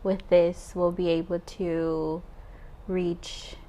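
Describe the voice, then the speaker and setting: A woman's voice: on the low side, little pitch movement, very slow, mellow. A woman in her twenties co-hosting a podcast, chatting casually and laughing often between thoughts. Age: 20s. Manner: giggly, chatty, frequent "um" and "like". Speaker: podcast co-host. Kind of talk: casual chat.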